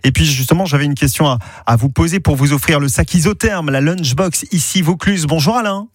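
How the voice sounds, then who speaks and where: A man's voice: fairly high pitch, a little fast, slightly rough, no room sound, studio quality. A man hosting a local morning radio show, chatting in a friendly way with a guest and a caller. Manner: friendly, chatty presenter with light laughs. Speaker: radio host.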